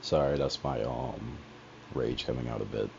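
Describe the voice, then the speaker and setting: A man's voice: very deep voice, moderate pace, gravelly, darkish tone. A young man streamer telling a personal story on a headset, rambling and profane with lots of asides. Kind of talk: casual personal storytelling on a livestream. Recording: dull lo-fi headset audio with faint hiss.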